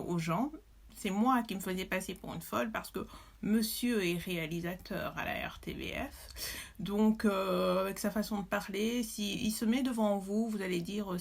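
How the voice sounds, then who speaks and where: A woman's voice: mid-range voice, vocal fry. Woman telling her story, upset and indignant, lots of "euh". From Belgium. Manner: emotional, indignant, with many hesitations. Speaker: mother testifying. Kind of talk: personal testimony to camera.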